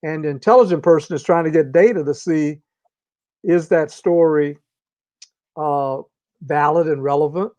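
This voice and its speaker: Man, interview guest, fairly high voice, measured and deliberate, dry dull lo-fi recording. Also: a little mellow, dry recording. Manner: measured and deliberate, with drawn-out pauses. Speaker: interview guest, organizational consultant. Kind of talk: reflective conversational explanation.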